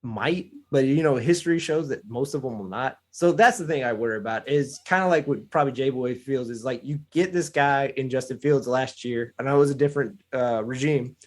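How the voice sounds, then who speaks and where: A man's voice: medium pitch, brisk, hardly any pauses. A man co-hosting a casual sports podcast, breaking down a football draft and weighing both sides. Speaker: podcast co-host.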